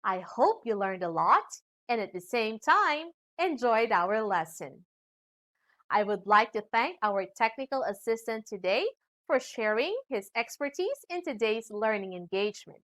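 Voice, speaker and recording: Lively woman teacher. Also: on the high side, measured pace. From Philippines. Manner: upbeat, with emphatic sing-song stress on key words. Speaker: English teacher. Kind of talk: scripted virtual lesson.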